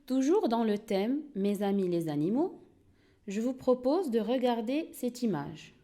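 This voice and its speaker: A woman teacher giving an early-reading lesson, speaking slowly and clearly and repeating each word for learners to echo. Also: a little high, very animated, warm tone. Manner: slow, clear, repeats words for pupils to echo.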